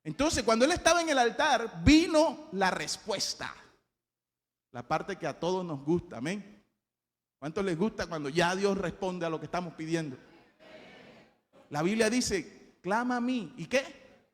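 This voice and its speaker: A man preaching a sermon as pastor, impassioned, swinging from loud shouted cries to quiet low passages. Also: expressive, unhurried, long pauses, big-room sound.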